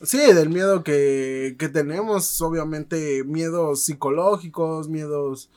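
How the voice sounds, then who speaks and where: A man's voice: fairly high pitch, slow, a little mellow. Young Mexican male co-host, slangy and playful, slight cold. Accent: Mexican Spanish. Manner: joking, slangy. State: lingering cold. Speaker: podcast co-host. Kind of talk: casual chat.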